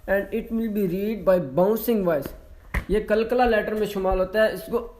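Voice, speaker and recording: A man teaching Quran letter pronunciation online, stretching each letter sound slowly and explaining quickly in between, with some English mixed in. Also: high-pitched, darkish tone. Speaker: Quran reading tutor.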